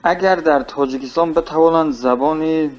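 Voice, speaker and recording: A man, a linguist, answering in a radio interview in a brisk and assured way. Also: fairly high pitch, a little mellow. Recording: muffled radio recording.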